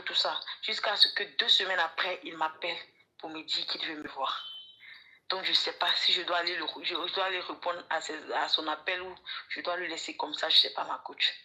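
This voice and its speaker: A woman with a bright, sharp voice and an Ivorian French accent speaks as a caller to a radio advice show. She talks politely, often addressing the host as her coach, and her voice comes through a radio call line. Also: lowish voice, rough recording.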